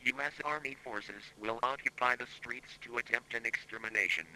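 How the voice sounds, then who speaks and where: A man reading a scripted emergency announcement over an air raid loudspeaker, stern and commanding. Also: mid-range voice, fairly quick, rough recording.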